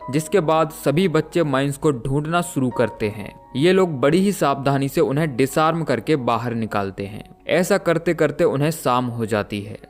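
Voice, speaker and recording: A man narrating a film recap as a steady, scripted story. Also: mid-range voice, normal speed, hardly any pauses, soft background music.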